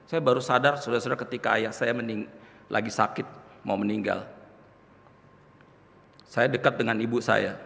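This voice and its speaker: A man's voice: mid-range voice, creaky, fairly bright tone. A male pastor giving an emotional, storytelling sermon to his congregation in church. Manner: emotional storytelling, addresses congregation as brothers and sisters. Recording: long reverb of a church hall.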